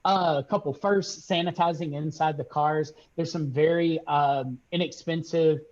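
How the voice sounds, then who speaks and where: A man's voice: a little high, fairly even intonation, moderate pace, darkish tone. A man on a video call, reviewing a store's sales numbers and praising the team in an upbeat way. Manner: upbeat, praising, fills with uh and restarts. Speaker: regional sales manager. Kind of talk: video call business check-in. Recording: dull lo-fi call audio.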